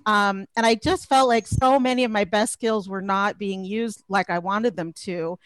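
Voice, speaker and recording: A woman's voice: medium pitch, steady tone, normal speed, dry recording. A middle-aged woman from Los Angeles, a career coach guest in a podcast interview, talking in a chatty way and laughing often.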